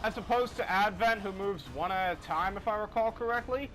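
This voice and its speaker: A man's voice: sits high, brisk. A man giving casual, rambling, self-deprecating commentary while playing a video game. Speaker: gaming commentator. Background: faint game music.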